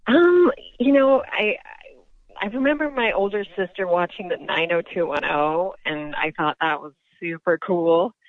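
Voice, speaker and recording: A woman's voice: lowish voice, unhurried. A woman from Sweden, answering interview questions as a guest actress in a hesitant way with many ums. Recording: tinny phone line.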